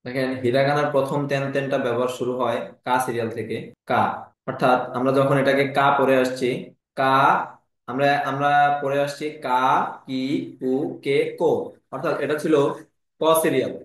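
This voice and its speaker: A man teaching a language lesson, patiently repeating each syllable slowly and clearly. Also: medium pitch, level tone. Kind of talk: classroom lesson explaining Japanese script. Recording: very echoey room.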